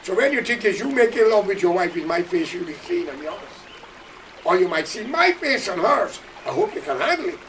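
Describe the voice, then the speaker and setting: A man's voice: high-pitched, sing-song, fairly quick, fairly bright tone, distant mic, slight background noise, poor audio. A man from Guyana with a Guyanese accent, delivering an impassioned, preachy political monologue straight to his listeners. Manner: preachy, emphatic, addresses listeners directly. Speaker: political commentator.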